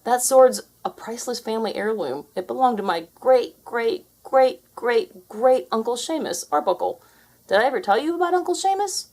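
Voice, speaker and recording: A woman's voice: on the high side, moderate pace, creaky, few pauses, darkish tone, voice pushed up. A woman voicing an earnest, boastful storybook man. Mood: proud. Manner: storybook character voice, anecdote-telling. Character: earnest, boastful man proud of his family.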